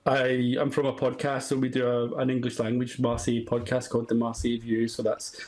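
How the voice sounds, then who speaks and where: A man's voice: medium pitch, completely flat delivery, a little fast, darkish tone, low-quality recording. A Scottish man in his forties, a podcaster joining a sports show by video call, talking in an earnest, somewhat hesitant way. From Scotland. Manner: earnest, a bit hesitant with many ums. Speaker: podcaster guest. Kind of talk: casual chat.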